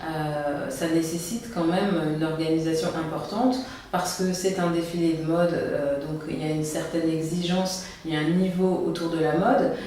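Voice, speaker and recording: A woman interviewer with a lowish voice asks long, hesitant questions full of fillers. She sounds far from the mic in a very echoey room. Faint noise lingers underneath. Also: steady tone, normal speed, warm tone.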